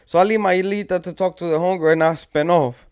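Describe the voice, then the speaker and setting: This man's voice is clear, resonant, and slightly high, with a steady tone and a brisk pace. Rambling in casual street slang, he tells a tale from his own past and jumps between details, performing his friends' words as he goes.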